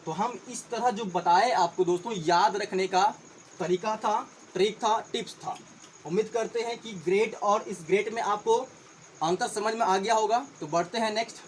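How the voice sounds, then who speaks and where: A man's voice: sits high, normal speed, a little hiss or hum, rough recording. A man teaching English vocabulary in Hindi. He spells each word out letter by letter, repeats it, and often calls his viewers friends.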